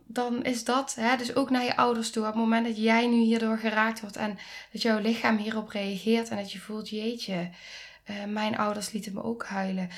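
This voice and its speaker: Earnest woman with a gravelly, creaky voice. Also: a little high. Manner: earnest, slow and intimate, drops into soft breathy near-whispers; rises to emphatic, pleading tones. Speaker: podcast host. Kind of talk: reflective podcast monologue.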